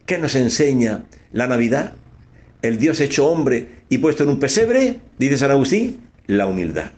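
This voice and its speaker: A man, a priest, giving a radio homily that rises in pitch on key words, with many rhetorical questions. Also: big pitch swings, a little slow, a little mellow. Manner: preaching, rising in pitch on emphasis, rhetorical questions. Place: radio studio.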